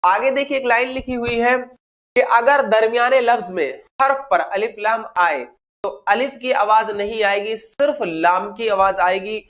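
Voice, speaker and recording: A man teaching a grammar lesson, asking the class questions and answering them himself, slowing down to spell out each example word. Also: high-pitched, fairly bright tone. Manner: slows down to spell out example words. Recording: noisy recording.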